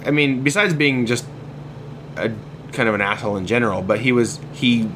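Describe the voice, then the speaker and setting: Speaking briskly in a mid-range voice, a male comics artist chats casually as a podcast guest. He rambles and hesitates, restarting often and making many false starts, with background noise behind him.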